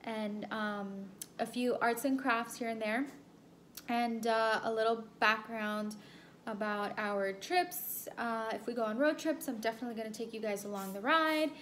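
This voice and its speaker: A woman's voice: on the high side, fairly even intonation, a little slow, fairly bright tone, slight background noise. A young woman from El Salvador telling a personal story to camera in a casual, rambling way, full of ums and repeats. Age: young adult. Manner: chatty, rambling, many ums and repeated phrases. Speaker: vlogger.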